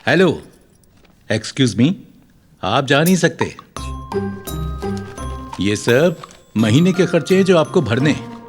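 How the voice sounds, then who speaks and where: A man's voice: medium pitch, big pitch swings, takes it slowly, pauses often. A man dubbing a humble, polite middle-aged father who starts college. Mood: bossy. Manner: polite, eager. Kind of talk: Hindi film dub. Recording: dubbed film with music underneath.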